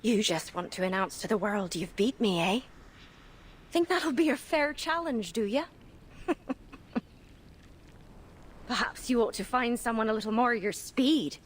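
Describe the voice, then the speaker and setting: An actress with an Irish accent playing a proud, sharp-tongued former female champion in a game, teasing and haughty. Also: a little high, expressive, a little slow, long pauses. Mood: mocking. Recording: game audio with music behind.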